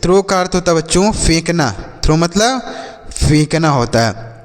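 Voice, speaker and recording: A man's voice: on the high side, lively intonation, normal speed. Man teaching English in a reverberant hall. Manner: spells words letter by letter, repeats meanings, addresses viewers as children. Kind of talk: spoken English lesson for beginners.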